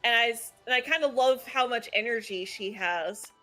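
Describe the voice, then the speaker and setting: A woman hosts a casual chat about games, picking apart characters in an opinionated, analytical way. Her voice is bright and a touch high. Faint music plays underneath. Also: normal speed. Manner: opinionated, analytical, lots of "like" fillers. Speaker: channel host. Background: faint background music.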